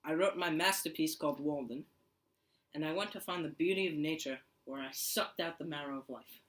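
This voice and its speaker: A man's voice: fairly high pitch, a little fast, fairly bright tone, natural voice, poor audio. A young man playing a proud male nonconformist writer in an amateur school skit, reciting prepared lines plainly. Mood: steady. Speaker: interview guest in a school skit.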